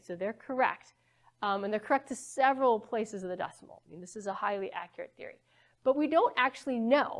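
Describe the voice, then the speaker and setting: A woman physics professor giving a live lecture in a church hall, talking conversationally and often checking in with the audience. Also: mid-range voice. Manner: conversational, asks the audience questions, frequent okays.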